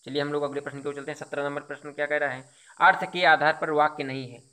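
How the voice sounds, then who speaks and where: A man's voice: fairly high pitch, level tone, fast talker, bright, forceful tone, clear, resonant tone. A man teaching Hindi, going through exam questions one by one, explaining each answer with repetition and rhetorical questions. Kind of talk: exam quiz lesson.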